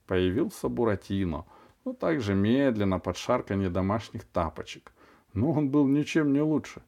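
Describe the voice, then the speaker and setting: A male audiobook narrator reading a first-person story with expressive, lively delivery. His voice sits at an everyday middle pitch. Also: moderate pace.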